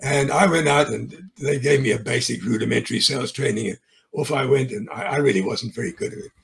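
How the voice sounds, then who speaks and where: A man's voice: mid-range voice, quick pace, vocal fry, poor audio. A man as an interview guest, telling sales stories in a chatty way, chuckling often and doubling up words as he starts sentences. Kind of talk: conversational interview.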